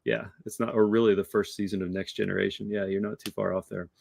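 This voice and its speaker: A man hosting a casual chat, reflective and hesitant, often pausing with fillers. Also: on the low side, little pitch movement, gravelly, darkish tone, a little hiss or hum. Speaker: host.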